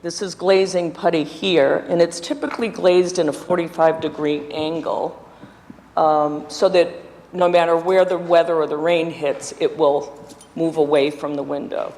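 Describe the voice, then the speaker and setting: Speaking in a mid-range, darkish voice at normal speed with fairly even intonation, this instructor demonstrates window restoration to a live audience in an indoor workshop. He works through each part step by step with tools in hand, adding self-deprecating, chatty remarks. The room leaves a long reverb tail.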